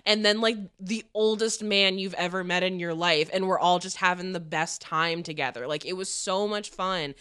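A woman's voice: lowish voice, moderate pace, hardly any pauses, bright, forceful tone, clear, resonant tone. A woman in her thirties, a comedian guest on a podcast, talking with enthusiastic nostalgia and casual swearing. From Wisconsin. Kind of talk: casual chat.

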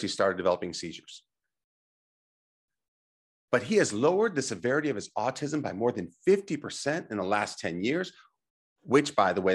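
A husky-voiced middle-aged man teaches in a motivational presentation. His pitch moves up and down a lot as he stresses his points. He coaches the listener directly, with rhetorical questions and quick check-ins. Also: a bit bright. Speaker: presenter and teacher on health technology.

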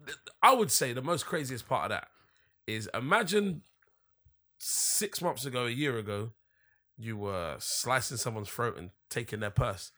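A young man with a London roadman accent and slangy delivery, chatting casually. His pitch swings around in a lively way and his tone is bright and forward. He banters and swears freely. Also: measured pace. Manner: animated, sweary.

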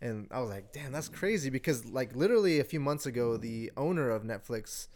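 A young man co-hosts a podcast, casually explaining things in a hesitant way full of fillers. His medium-pitched voice is animated and darkish, and he talks a little fast.

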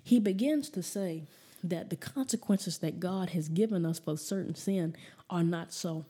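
A woman delivers a sermon in a relaxed, conversational way that turns emphatic as she presses her points. Her voice is mellow and slightly husky, and she often circles back and repeats words. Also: on the low side, a little slow. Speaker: preacher.

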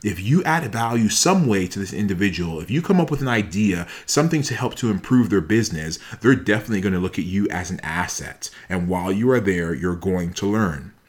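A man gives a motivational talk with a fairly low voice, lively intonation, and few pauses, moving fairly quickly. He's emphatic, returning again and again to key phrases so they stick with the listener.

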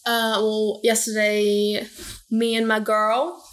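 A woman's voice: medium pitch, completely flat delivery, takes it slowly, fairly bright tone. A woman in her early twenties with an Australian accent, chatting casually in a playful, slangy way as a podcast co-host. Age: early 20s. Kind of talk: casual chat.

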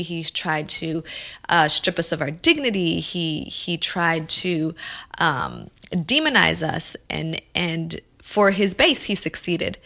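A Colombian-born woman raised in Los Angeles, speaking Los Angeles American English, talks earnestly as an immigrant rights advocate. Impassioned, she restarts phrases and builds to emphatic peaks. Her voice is lowish, creaky, pushed and bright.

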